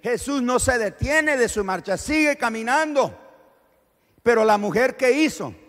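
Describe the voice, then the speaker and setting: Animated Nicaraguan preacher, high lively voice. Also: male voice, unhurried, long reverb tail. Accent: Nicaraguan Spanish. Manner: animated, dramatic storytelling. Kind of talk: sermon storytelling.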